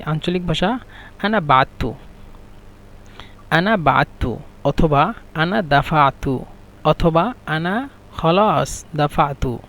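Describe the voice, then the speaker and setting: Man teaching Arabic phrases, higher voice. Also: a bit bright. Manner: repeats phrases slowly and explains pronunciation. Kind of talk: spoken language lesson.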